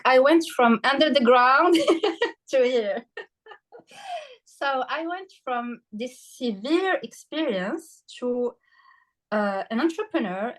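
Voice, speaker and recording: A woman from Morocco speaks as a guest in an interview, her voice a little high and her pace slow. She hesitates often, with fillers and restarts, and emotion shows as she tells her story. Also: low-quality recording. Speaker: podcast guest, health coach. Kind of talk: casual interview conversation.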